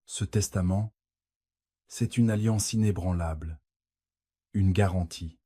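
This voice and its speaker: A man's voice: deep voice, takes it slowly, warm tone, husky, no echo, clean studio sound. A man preaching a fervent sermon as a pastor, speaking straight to the listener and breaking into exclamations of praise.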